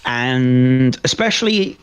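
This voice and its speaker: This man speaks slowly at a medium pitch, his tone clean and expressive despite lo-fi audio. Co-hosting a podcast, he offers opinionated film commentary in a casual conversation, leaning on repeated phrases for stress.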